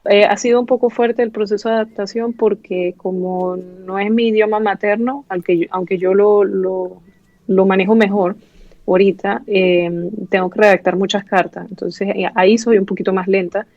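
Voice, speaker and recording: Her mid-range voice carries fairly even intonation at a moderate pace as she chats casually in an interview. She is a Venezuelan pathology resident in her thirties, a guest speaking candidly in Venezuelan Spanish with many fillers and restarts. The lo-fi recording sounds dull but has no echo.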